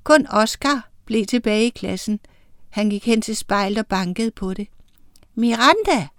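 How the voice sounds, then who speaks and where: A woman narrating a children's storybook in a clear, steady storytelling voice. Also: mid-range voice, no room sound, studio quality. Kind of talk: storybook reading.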